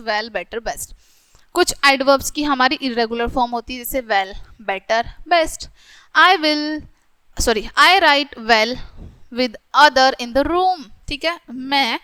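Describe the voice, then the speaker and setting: A woman with an Indian English accent teaching a grammar lesson to children. She reads English examples slowly and then explains them. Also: high-pitched, sharp tone, clean tone, no room sound.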